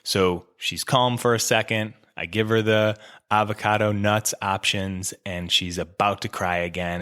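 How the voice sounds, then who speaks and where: Candid low-voiced male podcast host. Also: sharp tone, no echo, clean studio sound. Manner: candid, reflective, conversational. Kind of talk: casual solo podcast talk.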